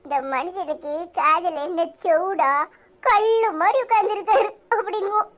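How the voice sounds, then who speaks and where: A woman's voice: very high-pitched, fairly even intonation, normal speed, a bit bright, a little hiss or hum. A woman doing a cheeky little village boy with a Tirunelveli accent. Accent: Tirunelveli Tamil. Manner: chatty, teasing. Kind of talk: cartoon voice acting.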